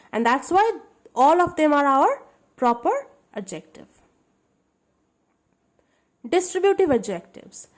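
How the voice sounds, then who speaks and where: A woman's voice: high-pitched, a little mellow. A woman teaching a grammar lesson to schoolchildren, explaining patiently and checking that they understand.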